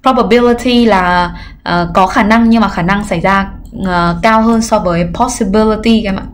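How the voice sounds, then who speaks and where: A woman English teacher giving a livestreamed exam review lesson, explaining patiently and pausing on filler sounds. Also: medium pitch, a little hiss or hum. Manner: explains patiently, often adds "các em" and "nhá"; frequent filler hesitations. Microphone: computer mic during livestream.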